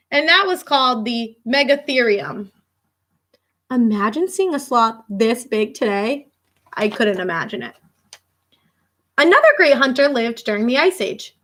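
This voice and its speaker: A high-pitched female teacher performs a children's book for young listeners, reading with strong expression and emphasis. Along the way she adds questions and little asides to engage them.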